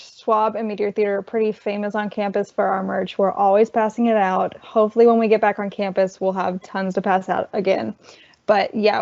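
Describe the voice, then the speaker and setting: A woman student worker giving a virtual orientation presentation, chatty and losing her voice, clearing her throat. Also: medium pitch, a little mellow. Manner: chatty, explains while cueing slides. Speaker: student worker presenting campus film events. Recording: dull lo-fi online call audio.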